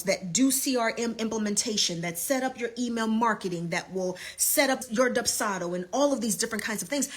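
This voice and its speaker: A woman's voice: on the high side, slightly rough. A woman teaching a live online business lesson as a coach, emphatic and repeating her key points.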